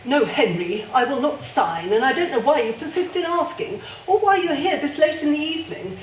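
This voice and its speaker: An actress playing a spirited, grieving widow who speaks firmly, with halting restarts, in a stage play. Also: female voice, high voice, animated, slight background noise. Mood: defiant. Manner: firm, emphatic, halting restarts. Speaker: stage actor. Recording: echoey stage sound from a distance.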